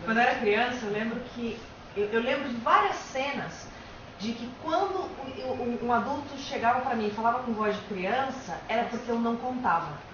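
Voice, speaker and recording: A woman in a casual discussion, recalling her childhood in an animated way. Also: fairly high pitch, fairly quick, lo-fi sound. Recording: echoey, distant, noisy room.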